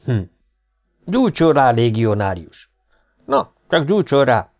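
A stern Foreign Legion major in an audiobook , voiced by a male reader, clipped and commanding, who erupts into high, loud rage. His speech is full of curt orders and furious shouting. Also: very animated. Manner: curt, bursts into shouted raging. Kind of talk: audiobook character voice.

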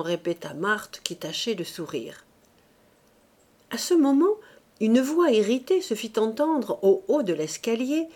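Female narrator for a classic novel: slow, measured, with lively expressive intonation. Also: medium pitch. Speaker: audiobook reader.

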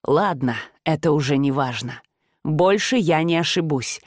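A woman voicing a soft-spoken, menacing male master who can change his shape, in a storybook reading. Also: sits low, expressive, no room sound, clean studio sound, pitched below the performer's own voice. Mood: cold. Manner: quiet, insinuating, slow.

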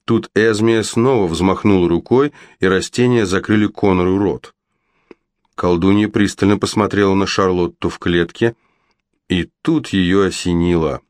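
A man reads a story aloud in a very low voice, with steady, even pacing. The recording is dry and close, with no room sound. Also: moderate pace, no room sound. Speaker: audiobook narrator. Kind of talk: scripted narration.

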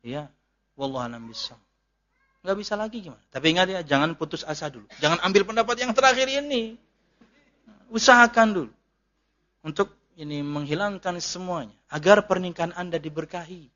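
Captured in a dull, lo-fi lecture recording, a male Islamic preacher, an ustadz, jokes and chats through a religious talk and answers questions, often laughing at his own jokes. His high voice sounds pushed and bright, animated and fairly quick, broken up by long pauses.

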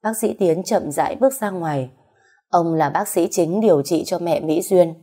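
Low, mellow woman narrating a story. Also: moderate pace, husky.

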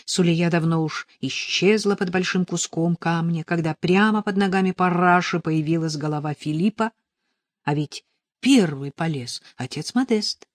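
A woman reading an audiobook in measured, dramatic storytelling narration. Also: fairly low pitch, no room sound. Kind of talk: scripted narration.

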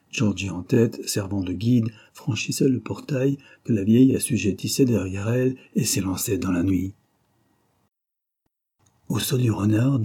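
Man, audiobook narration, expressive, low, husky. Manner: expressive storytelling. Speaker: audiobook reader. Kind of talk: scripted narration.

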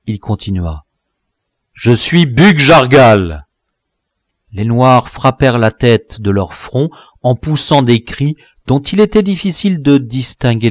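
A man narrating a classic novel as an audiobook in a measured, dramatic reading. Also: fairly low pitch, a little mellow, dry recording, studio quality.

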